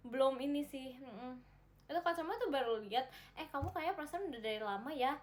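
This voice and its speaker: A woman's voice: sits high, brisk. A young woman chatting casually on a livestream, reading viewer comments, giggling and repeating herself. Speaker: livestream host reading chat.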